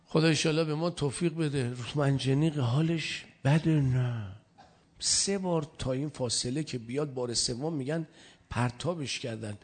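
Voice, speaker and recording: A man with a husky, slightly breathy voice delivers a sermon at a middle pitch. He tells a religious story at length and quotes scripture verses in between. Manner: storytelling, quoting scripture in Arabic. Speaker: preacher.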